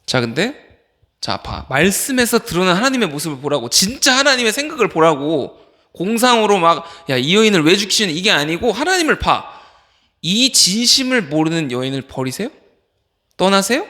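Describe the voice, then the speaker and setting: A man's voice: high voice, normal speed. A man, an associate pastor, preaching informally to a youth group, firing questions at the teens and calling on them by name. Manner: animated, fires questions at listeners. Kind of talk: youth sermon.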